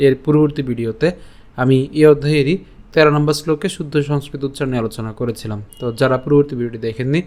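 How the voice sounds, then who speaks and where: A young man teaching an online lesson, slowly explaining the pronunciation of a verse syllable by syllable and often checking that listeners follow. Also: mid-range voice, steady tone, darkish tone. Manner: slow, careful syllable-by-syllable explanation with frequent check-ins. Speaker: Sanskrit recitation teacher.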